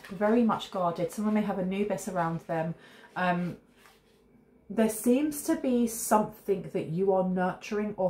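Indoors in her kitchen, a tarot reader in her thirties speaks in a warm, mid-range voice while sniffling through a cold. The casual reading to camera is chatty and intuitive, drifting into rambling asides, with an echoey room and faint hiss.

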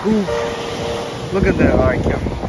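A teenage boy vlogging casually on a beach and hotel grounds, talking slangy and excitable into a phone held close. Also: on the high side, moderate pace. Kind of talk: casual handheld vlog chatter. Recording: loud music and crowd noise behind.

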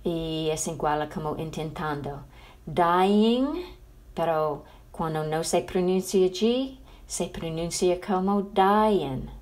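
A woman teaching a language lesson, explaining slowly and carefully and often restarting her sentences. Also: lowish voice, darkish tone.

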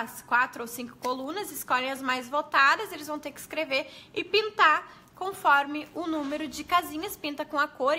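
A woman's voice: sits high, bright, forceful tone. A woman pedagogue, giving chatty, explanatory tips on classroom activities to fellow teachers. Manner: chatty, explanatory, addresses viewers as gente.

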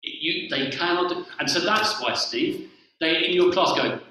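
The speaker is a man in his forties, a vicar directing his congregation through games during a playful all-age sermon. His voice is high and sharp-toned at a moderate pace, heard from far away through a floor camera in an echoey church hall with a lectern.

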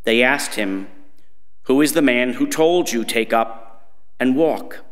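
A middle-aged man, a priest, reading scripture and preaching at Mass in a measured, solemn manner. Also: mid-range voice, expressive. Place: church sanctuary, standing at lectern. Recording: echoing church with long reverb.

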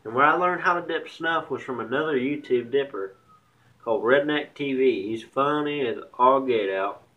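A man's voice: mid-range voice, moderate pace, highs cut off. A young man with a slight Southern country accent, rambling bluntly and swearing in a casual vlog rant. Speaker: vlogger.

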